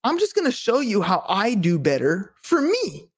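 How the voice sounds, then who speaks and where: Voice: mid-range voice, huge pitch swings, normal speed, husky. A podcast co-host talking casually and motivationally, earnest and rambling, often checking that the listener agrees.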